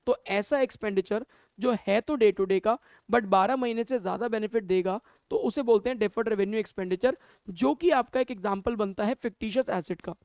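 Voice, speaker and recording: This high-voiced man talks briskly, his tone darkish and clean, with no echo on the camera mic. A commerce teacher, he runs an accounting lesson in Hindi sprinkled with English terms, asking students questions and then supplying the answers.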